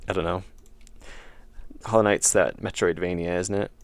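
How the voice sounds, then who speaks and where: In a deep, steady voice at normal speed, recorded dry, a young man talks casually to viewers while streaming his indie game development. He is feeling slightly ill and losing his voice, so his replies to chat ramble and often double back.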